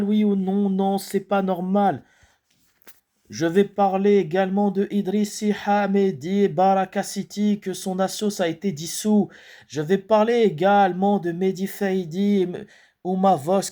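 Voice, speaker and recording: A man delivering a spoken protest rap in a halting, freestyle way, often restarting words and hitting rhetorical questions hard. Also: sits high, mellow. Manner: slow, declaiming delivery with emphatic rhetorical questions. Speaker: rapper.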